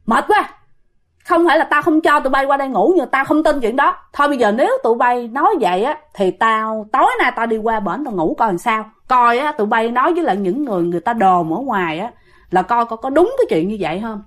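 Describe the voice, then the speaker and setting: A woman's voice: on the high side, lively intonation, quick pace, lightly acted. A woman doing an exasperated skeptical man. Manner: exasperated scolding. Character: skeptical stubborn man, fed-up neighbor.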